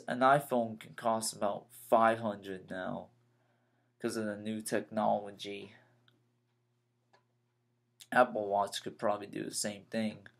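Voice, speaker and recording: A nineteen-year-old man vents in a rambling personal vlog, his voice sitting on the low side. He talks slowly, trips over his words and starts phrases again and again, sounding frustrated. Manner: halting, repeats and restarts phrases, frustrated. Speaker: vlogger.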